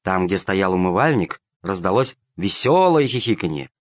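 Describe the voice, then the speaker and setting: A man's voice: deep voice, sing-song, moderate pace, no room sound. Man reading a storybook, dry sound. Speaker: narrator. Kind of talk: storybook narration. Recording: dull, dry lo-fi recording.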